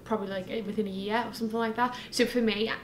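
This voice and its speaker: A woman's voice: medium pitch, fairly even intonation, fast, slight background noise. A woman in her twenties answering interview questions in a chatty way, full of fillers. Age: 20s. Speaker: student interviewee. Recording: echoey room with crowd chatter.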